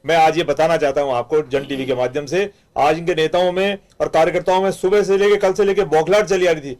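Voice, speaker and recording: A man with a slightly raised pitch speaks as a party spokesman in a televised debate. He opens formally and then turns to mocking, rhetorical jabs at his opponents. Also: fairly even intonation, fast, darkish tone.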